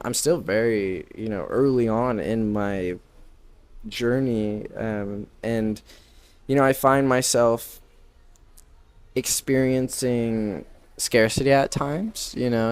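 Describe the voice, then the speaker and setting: A man's voice: medium pitch, dry recording. A man in his twenties, a podcast guest who runs a branding business, speaking in a casual conversational way that is full of "like" and "right?". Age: 20s. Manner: filler-heavy, frequent "like" and "right?" tags.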